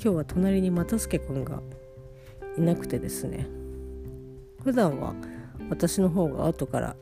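A woman with a fairly low voice talks through a casual personal diary while lying down. She sounds sleepy and rambles along without hurry. Plucked guitar music plays clearly behind her. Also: lively intonation, a little slow. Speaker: host of a personal audio diary. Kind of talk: casual monologue diary chat.

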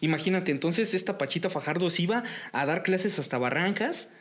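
Male podcast host, Mexican Spanish accent, slightly high voice, halting delivery full of fillers. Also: lively intonation. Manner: hesitant, many fillers and restarts. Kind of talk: casual podcast chat.

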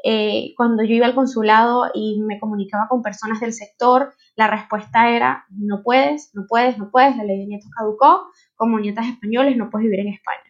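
A Venezuelan woman with a fairly high voice, talking to listeners in an earnest, personal, conversational way. She has a Venezuelan Spanish accent. The recording is somewhat dull and lo-fi. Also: steady tone, normal speed, few pauses. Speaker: podcast host. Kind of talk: podcast introduction monologue.

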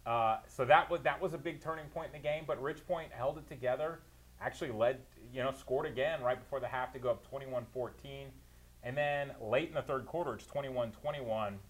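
A man's voice: medium pitch, fairly quick. Man giving play-by-play sports recaps. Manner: detailed play-by-play recaps, opinionated, laughs easily. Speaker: producer and sports analyst.

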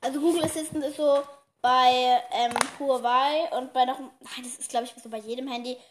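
A woman's voice: sits high, fairly even intonation, normal speed, noisy background. A girl of about ten or eleven hosting a casual podcast with her younger sister, chatty and a bit bossy. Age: child, about 10 to 11. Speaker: podcast host. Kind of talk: casual kids' podcast chat.

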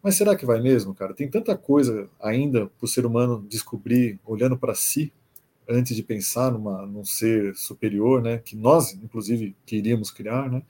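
A man with a Brazilian Portuguese accent speaking as a guest on a podcast, relaxed and reflective. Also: medium pitch, moderate pace, husky. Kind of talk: casual podcast chat.

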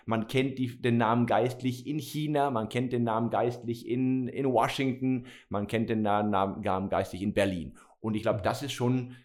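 A middle-aged man from Spain who now leads a company speaks in an interview. He stops and restarts his sentences often and fills the pauses with "äh", in an ordinary mid-pitched voice. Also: steady tone, darkish tone. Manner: hesitant, many fillers and restarts. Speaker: company CEO. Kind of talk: interview conversation.

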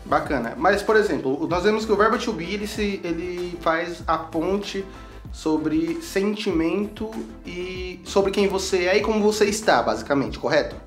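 A man, a podcast co-host asking questions in a halting, inquisitive way. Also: high-pitched, faint music behind.

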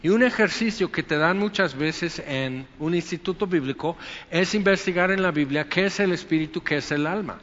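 Animated male preacher in an echoey hall. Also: on the high side, moderate pace. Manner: conversational, animated preaching with quoted asides. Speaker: pastor. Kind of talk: sermon. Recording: echoey hall, dull lo-fi sound.

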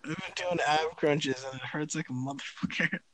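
A man's voice: fairly high pitch, fairly even intonation, normal speed, fairly bright tone, low-quality recording. A young man in a casual chat with friends, pestering them with questions. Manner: pestering, keeps asking questions.

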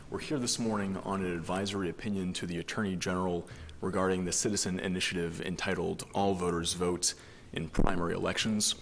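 A man with a low voice presents a formal legal argument as an attorney. He explains carefully and addresses the bench with deference. The room is reverberant, with faint noise behind him. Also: gravelly. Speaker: attorney arguing before a court.

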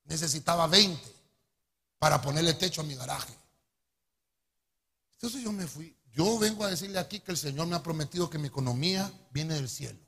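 High, gravelly Honduran preacher. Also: male voice, brisk, long pauses. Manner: animated storytelling, constantly addressing listeners as brother. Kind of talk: testimony sermon. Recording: echoey hall with long reverb.

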